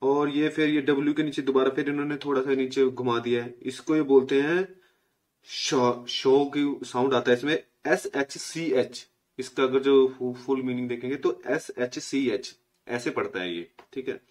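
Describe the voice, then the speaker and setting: A young man from India giving a casual spoken language lesson, patiently explaining and slowly repeating each letter's sound. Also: mid-range voice, steady tone, a little mellow. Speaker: language teacher.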